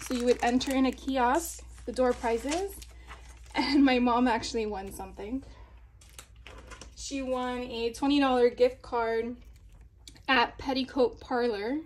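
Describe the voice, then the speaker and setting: A woman's voice: on the high side, steady tone, a little slow, long pauses, slight background noise. A woman in a casual haul video, talking chattily with fillers and little laughs while showing craft supplies at a table. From Florida. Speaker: craft vlogger. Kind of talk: casual haul show-and-tell. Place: indoors at a table.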